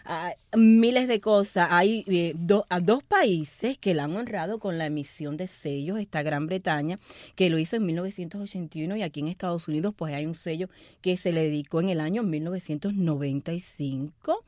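Lively lower-voiced woman storyteller. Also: normal speed, no room sound, studio quality. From Cuba. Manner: lively, conversational, rhetorical asides to listeners. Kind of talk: casual talk-show storytelling.

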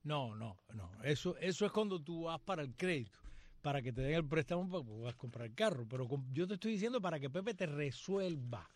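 A man's voice: on the high side, animated, fairly quick. A man co-hosting a casual chat in a chatty, teasing manner. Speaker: co-host.

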